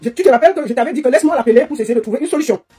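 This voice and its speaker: A woman with a high, lively voice asks her guest probing questions at a quick pace. Her tone has a husky, breathy grain, and faint music plays underneath. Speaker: interviewer.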